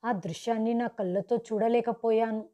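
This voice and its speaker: A woman reads a scripted first-person story with dramatic suspense. Her voice is mellow and dark in tone and sits a little high. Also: fairly even intonation, normal speed, lo-fi sound.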